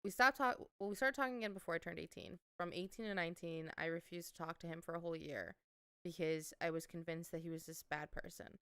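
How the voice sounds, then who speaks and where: A woman's voice: on the low side, fairly bright tone, smooth, dry recording, clean studio sound. A woman in her twenties, co-hosting a casual podcast chat and talking candidly about family, often laughing. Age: 20s. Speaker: podcast co-host.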